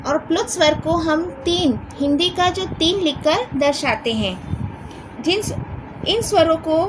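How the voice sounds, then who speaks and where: Female teacher, high pitch, unhurried delivery, spells out letters for young students. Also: expressive, background noise. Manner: addresses children, spells out letters one by one. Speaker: Hindi teacher. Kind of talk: slow classroom grammar lesson.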